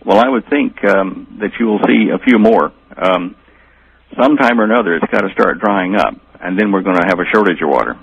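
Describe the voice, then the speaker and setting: Guest on the phone: a low, husky man, muffled line, meandering answers. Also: expressive, brisk, dry recording. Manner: rambling, many fillers and restarts. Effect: over a long-distance phone line. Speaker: guest expert.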